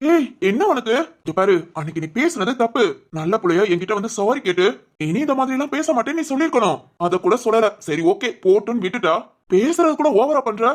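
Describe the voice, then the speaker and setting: A fast-talking, bossy young husband. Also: male voice, very high-pitched, sing-song. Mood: scolding. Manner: quick, bossy questioning that turns coaxing. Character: young husband, teasing then caring. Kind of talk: animated family story voice acting.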